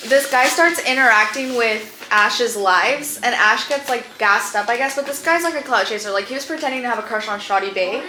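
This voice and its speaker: Rambling bright-voiced woman, roomy echo. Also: fairly high pitch, brisk, hardly any pauses. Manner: rambling, filler-heavy, lots of "like". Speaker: vlogger explaining internet drama to a friend. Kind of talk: casual storytelling chat. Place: a bedroom.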